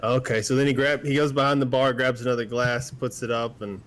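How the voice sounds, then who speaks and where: A man's voice: mid-range voice, flat delivery, brisk, fairly bright tone, slight background noise. A man narrating as game master in a tabletop game, casual and rambling, full of fillers.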